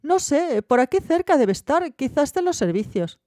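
No-nonsense farm mother, brisk, scolding, higher voice, read by a woman. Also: sing-song, warm tone, no echo, studio quality. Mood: firm.

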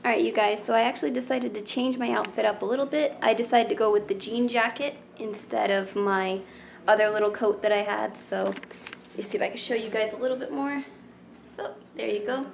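A woman's voice: a little high, fairly even intonation, fairly quick, gravelly, a little hiss or hum. A young woman hosting a casual pet vlog, chatty and giggly with lots of fillers, filming herself on a handheld camera. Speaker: vlogger host. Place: indoors at home, later a pet store. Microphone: handheld camera at arm's length.

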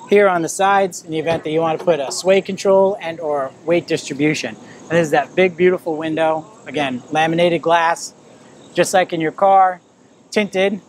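A man in his fifties presents an informal product tour, explaining features as he moves around. His voice sits a little higher than usual for a man. It is picked up by a camera mic with light ambient noise behind it. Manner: explanatory, pointing things out while moving around. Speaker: presenter of a camper trailer tour. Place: at an outdoor RV display, in and around a small trailer.

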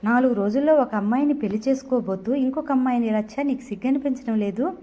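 A woman's voice: fairly high pitch, fast talker, dark tone, lightly acted. A woman voicing an angry, proud young woman who snaps back, in a storybook reading. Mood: indignant. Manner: indignant, snapping.

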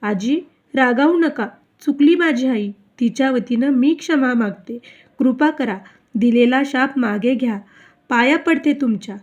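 A woman voicing a gentle young princess who earnestly begs forgiveness. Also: sits high, a little slow, highs cut off. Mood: apologetic. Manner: earnest, apologetic pleading.

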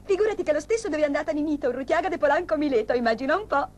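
A high-voiced snobbish young bride-to-be. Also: female voice, expressive, very fast, darkish tone. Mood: excited. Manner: impatient, snobbish. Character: spoiled, excitable young bride-to-be. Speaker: daughter. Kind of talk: dubbed telenovela acting.

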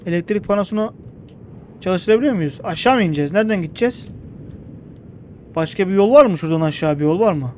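A young man commentating a game playthrough, excitable and jokey, often yelling at the game. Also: high voice, fast talker, pauses often, a little hiss or hum. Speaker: gameplay streamer. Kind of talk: gameplay commentary.

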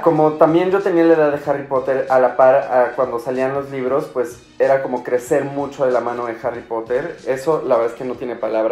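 A man's voice: mid-range voice, a little mellow. Young man, Mexican accent, enthusiastic casual chat, echoey room, faint music behind. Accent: Mexican Spanish. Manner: enthusiastic, nostalgic, chatty. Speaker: book vlogger. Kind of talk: casual unboxing chat to camera. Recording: roomy echo with faint music.

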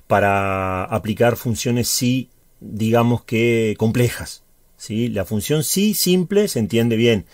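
In studio-quality audio with no room sound, a high school teacher with a Uruguayan Spanish accent and a slightly mellow voice explains a spreadsheet step by step. His tutorial is chatty, and he keeps checking in with the viewer.

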